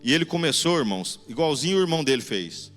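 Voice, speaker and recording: Animated Goiás preacher telling a story. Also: male voice, a little high, fast. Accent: Goiás Brazilian Portuguese. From Goiás, Brazil. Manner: animated, conversational, addresses the congregation. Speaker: guest preacher. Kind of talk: sermon testimony storytelling. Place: church. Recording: church hall reverb, faint music.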